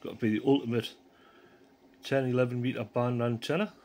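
An amateur radio hobbyist from North East England shows off his equipment in a casual hands-on video, first in a yard outdoors, then in a small living room. He gives informal, off-the-cuff commentary in a mid-range, steady, somewhat dark voice at a fairly quick pace. He films on a handheld phone from behind the camera, and the recording is noisy.

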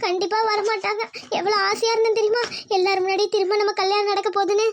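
A woman's voice: extremely high pitch, flat delivery, quick pace, noisy background. A woman voicing a young village bride in a cartoon, tender, pleading and emotional. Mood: tearful. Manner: pleading, emotional, calls her fiancé uncle-sweetly. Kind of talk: cartoon voice acting.

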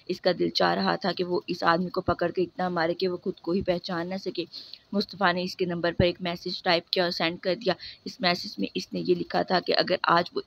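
Flat-voiced woman narrating a novel. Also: lowish voice. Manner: steady, measured reading. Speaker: novel reader. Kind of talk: audiobook narration.

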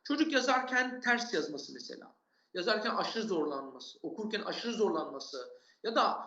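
A man with a high voice speaks as an expert guest, earnestly laying out examples one after another and repeating key points. His sound is roomy and echoey, and the audio is dull and muffled, as over a remote call. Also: a bit bright. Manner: earnest, explains with listed examples, repeats for emphasis. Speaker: expert guest on parenting and learning. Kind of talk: explanatory interview answers.

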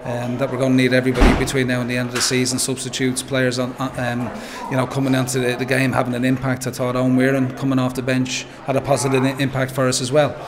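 A man in his forties with an Irish accent, a football manager giving a measured post-match interview, full of "um" and "you know". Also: mid-range voice, monotone, background noise. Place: pitchside interview backdrop, noisy. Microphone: handheld interviewer mic.

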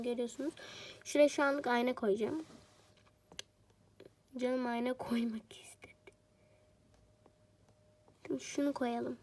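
A woman's voice: sits high, darkish tone. A woman chatting casually while she plays a home-building game. She rambles and jokes to herself, and she is a bit sick. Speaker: game streamer. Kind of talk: casual gameplay commentary.

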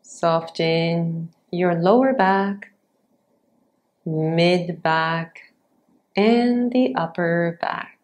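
Guiding a yoga nidra practice, a female teacher speaks in a slightly low voice with a darkish tone. Her short, measured phrases come extremely slowly, each instruction separated by long pauses so nothing ever feels rushed.

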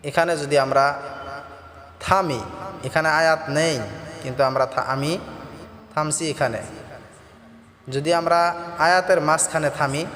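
A man's voice: on the high side, fairly even intonation, measured pace, long pauses, a bit bright, roomy sound, long reverb tail. A man teaching Quran pronunciation, patiently explaining each sound step by step.

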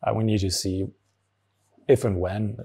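A man in his thirties with a German accent, a brewery founder answering interview questions in a relaxed way with many fillers, on a lapel mic in a barrel room. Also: lowish voice, a little slow. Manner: frequent fillers, relaxed explaining. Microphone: small lapel mic.

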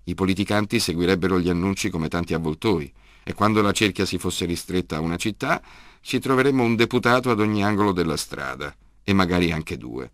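A man's voice: low voice, fairly quick, a bit bright, no room sound. A man voicing a dry, sardonic father. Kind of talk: audiobook character reading.

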